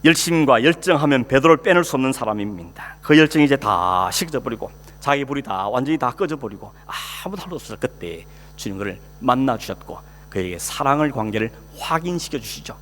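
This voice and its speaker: In a church sanctuary, a male pastor with a Korean accent preaches conversationally, questioning the congregation and acting out quoted speech. His medium-pitched, fairly bright voice is animated and fast, with hardly any pauses. The recording has long hall reverb and a faint hum.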